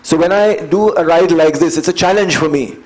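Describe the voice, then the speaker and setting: An Indian English-accented man in his fifties, an endurance athlete, tells his story as an interview guest in an earnest, measured way, building his points through repeated phrases. His voice is fairly high with a darkish tone, and the audio is poor.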